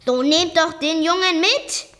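Reader voicing a loud, indignant storybook grouch, high-pitched and raging. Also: female voice, very animated, slow, heavily acted. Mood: angry shouting. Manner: shouting, indignant. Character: angry middle-aged male minigolf owner.

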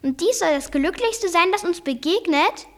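A young reader voicing a frightened, excitable young nephew in a storybook reading, with an urgent, alarmed delivery. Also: female voice, very high voice, normal speed, pitched above the performer's own voice. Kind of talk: read-aloud storybook voice.

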